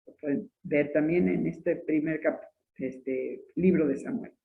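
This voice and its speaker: Man, high voice, catechesis talk, echoey tinny recording. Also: unhurried, creaky, a little hiss or hum. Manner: explanatory, checks in with listeners. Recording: echoey room on a tinny lo-fi line.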